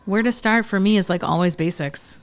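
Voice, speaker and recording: A woman's voice: mid-range voice, a little fast. A woman who is a chiropractic physician, guesting on a casual podcast, chatty and emphatic, saying "like" a lot. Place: home room with a dog nearby.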